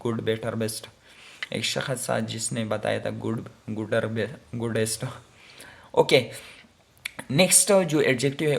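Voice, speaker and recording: A man gives a grammar lesson, taking his time over each point. He talks at a slow, unhurried pace in a mid-pitched voice, repeating each example and dropping English words into his explanations. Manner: explains slowly, repeating examples, mixing English terms into Hindi-Urdu talk. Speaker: teacher.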